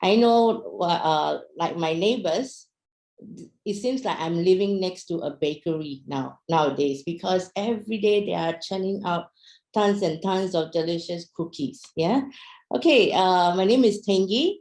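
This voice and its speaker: A woman's voice: on the low side, measured pace, darkish tone, roomy sound, rough recording. A young woman, raised in Singapore after being born in Myanmar, gives a casual talk to an online audience, asking questions and using many fillers. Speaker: speaker at an online business talk.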